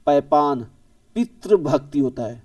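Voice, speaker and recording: A male teacher drills spelling words one by one and corrects each in the same breath. His voice sits a bit high for a man and is set back from the mic in a dry, dead room. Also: animated, slow, darkish tone, dry recording, recorded from a distance. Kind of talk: exam-prep spelling lesson.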